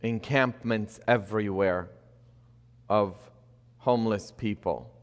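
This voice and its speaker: The sermon comes slowly from a middle-aged priest whose voice sits on the low side; he builds emphasis and asks rhetorical questions from the pulpit. Recorded indoors by a fixed camera at a distance, the sound carries a church hall's long reverb.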